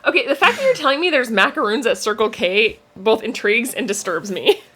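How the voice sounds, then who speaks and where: Bright-voiced chatty woman. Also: on the high side, animated, a little fast. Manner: chatty, laughs often, says "like" a lot. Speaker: podcast co-host. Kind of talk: casual chat.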